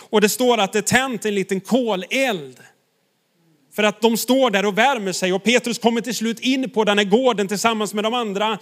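A man preaching a sermon, retelling a story with emphasis and turning to the listeners directly. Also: high voice.

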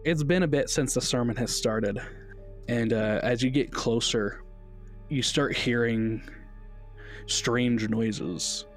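A man narrating a tabletop game as game master in a relaxed, chatty way with many fillers. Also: medium pitch, slow pace, soft background music.

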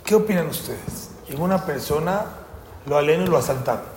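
A man teaching a Torah class as a rabbi, animated and constantly asking his listeners yes-or-no questions. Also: on the high side, a little fast. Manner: animated, keeps quizzing listeners with "sí o no". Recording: echoey hall with faint noise.

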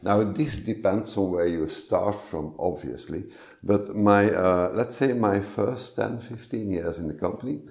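A middle-aged man from Flanders with a Flemish accent, speaking as a podcast guest in a measured, hesitant way with many fillers. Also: lowish voice, vocal fry, a little mellow, roomy sound. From Flanders, Belgium. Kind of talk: casual interview talk.

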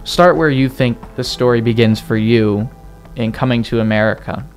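A man's voice: medium pitch, normal speed. Earnest male reporter over music. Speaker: news reporter and interviewer. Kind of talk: scripted intro, then interview questions. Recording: music playing behind the voice.

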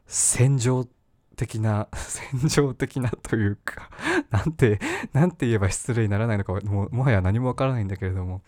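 A man's voice: on the low side, normal speed, mellow, no room sound, studio quality. A man hosting a podcast on his own, rambling and self-mocking with lots of fillers. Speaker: podcast host. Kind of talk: casual solo podcast talk.

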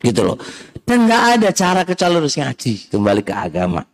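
A man's voice: medium pitch, wildly swooping pitch, fast. A middle-aged man with an East Javanese accent giving a religious study lecture, mixing in Javanese phrases and addressing listeners directly. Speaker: Islamic religious teacher.

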